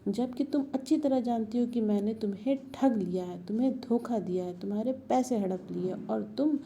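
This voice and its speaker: A woman's voice: a little high, expressive, warm tone, slight background noise. A woman reading aloud the part of a stern, hot-tempered male employer, raising her voice in anger. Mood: angry. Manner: angry, raised voice, slow deliberate reading.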